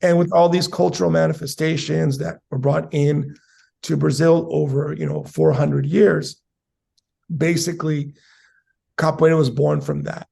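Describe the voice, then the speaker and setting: A man in his forties from South San Diego, a capoeira master answering interview questions in a measured, academic way with many fillers. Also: a little high, little pitch movement, gravelly, dark tone, husky. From South San Diego, USA. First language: Spanish and English.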